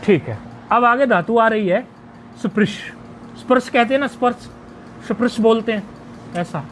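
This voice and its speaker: A man teaching Sanskrit grammar in a recorded video lesson, explaining step by step, asking and answering his own questions, and reciting word forms slowly in a list. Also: very high-pitched, fairly bright tone, a little hiss or hum.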